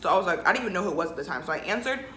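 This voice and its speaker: A woman's voice: fairly low pitch, expressive, racing, roomy sound, noisy background. A young woman telling a story casually while eating, chatty, with lots of "like" and frequent laughs. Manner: chatty, says "like" a lot, laughs often. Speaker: vlogger.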